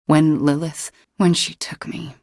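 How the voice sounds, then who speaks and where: An actress voicing an earnest, introspective young witch hero in a video game, with a soft, breathy, husky voice and measured delivery. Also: deep voice, flat delivery, no room sound, studio quality. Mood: somber, regretful. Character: earnest young adult woman witch hero, guilt-ridden yet determined. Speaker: voice actor. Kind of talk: video game character voice lines.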